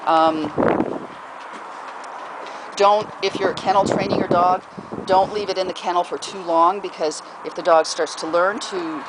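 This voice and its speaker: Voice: medium pitch, fairly even intonation, a little slow, long pauses. A pet owner casually giving puppy training advice at home, rambling with many fillers and often breaking off to talk to the pets. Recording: noisy home recording.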